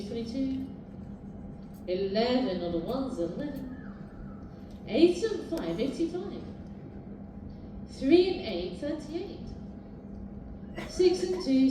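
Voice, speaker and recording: A British woman working as a bingo caller, announcing numbers live in a sing-song, formulaic way with measured repetition. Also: high-pitched. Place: large echoing indoor bingo hall. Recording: very echoey hall, distant, noisy.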